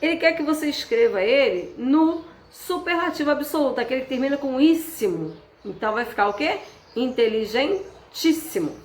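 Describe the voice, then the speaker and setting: A woman teacher giving a patient remote lesson, slowing down to stress key words. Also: high-pitched, animated. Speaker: schoolteacher. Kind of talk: remote class instructions. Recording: echoey room.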